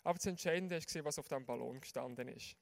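Swiss German male preacher, sermon, earnest, asks the listeners questions directly, voice a bit high. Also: quick pace, creaky.

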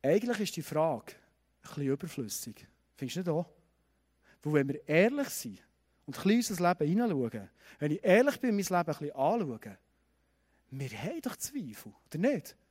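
A man's voice: fairly high pitch, sing-song, brisk, pauses often, a little mellow, breathy edge. A man preaching a sermon, retelling a story and asking the congregation direct questions. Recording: long hall reverb.

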